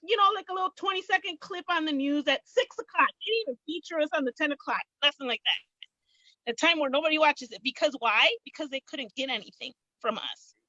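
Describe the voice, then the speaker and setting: Here a small business owner in middle age, on as a guest, recounts her story briskly in a high, bright voice with a forceful tone. Her delivery is emphatic and conversational, with repeated phrases and voiced quotations. The recording is dry and a bit muffled, with no echo.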